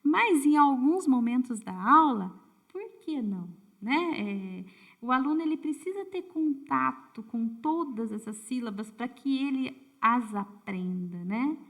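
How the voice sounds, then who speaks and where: A woman's voice: sits high, animated, measured pace. A woman giving a casual online lesson, speaking to her viewers with frequent tag questions and self-corrections. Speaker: teacher explaining literacy methods.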